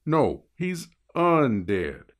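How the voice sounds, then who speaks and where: A man voicing a mocking, cigar-smoking Satan in an audiobook, with a slow, drawn-out, folksy delivery. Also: medium pitch, wildly swooping pitch, heavily acted. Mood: amused, unhurried.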